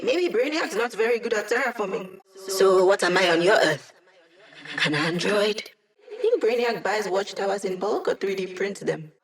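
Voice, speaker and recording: A woman's voice: mid-range voice, expressive, moderate pace, close to an everyday voice. A young hacker ally from a video game, played by an actress. She is playful and wry. Her delivery is casual, full of teasing asides.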